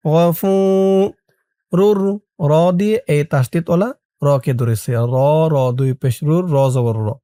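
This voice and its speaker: A man teaching Quran reading. He recites slowly, draws the words out long, then breaks them into syllables and explains how to pronounce them. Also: mid-range voice, expressive, dark tone, no room sound, clean studio sound.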